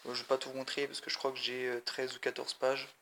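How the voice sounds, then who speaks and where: Male gaming vlogger, gravelly and bright, chatty and rambling, talks to camera. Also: medium pitch, completely flat delivery, quick pace, a little hiss or hum. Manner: rambling, chatty, addresses viewers directly. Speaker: mobile gaming video creator. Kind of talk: casual gameplay commentary.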